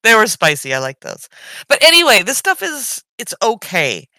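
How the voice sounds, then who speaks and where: A middle-aged woman co-hosting a podcast in casual chat, talking in an animated way with many sighs. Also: a little high, moderate pace, no room sound. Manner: animated, sighing, chatty. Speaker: podcast co-host.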